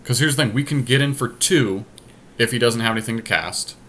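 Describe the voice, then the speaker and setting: A podcast host playing an online card game casually thinks aloud for his teammate, going through each move step by step. His medium-pitched voice is bright and forceful and runs a little fast. The amateur screen capture has clear background noise.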